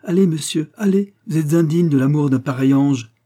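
A man's voice: medium pitch, a little fast, warm tone, pitched above the performer's own voice, lightly acted. A man reading aloud who voices a stern, mocking noblewoman, a marshal's widow, who gives cold, curt orders. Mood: scornful.

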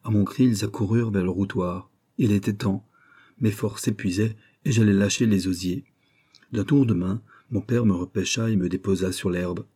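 A man reading a literary story aloud in a measured, expressive way. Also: lowish voice, slightly rough. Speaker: audiobook narrator.

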